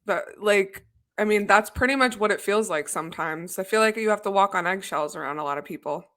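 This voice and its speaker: A woman's voice: mid-range voice, brisk, a bit bright. A young woman co-hosting a casual podcast over a video call, chatty and sarcastic. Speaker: co-host. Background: faint music.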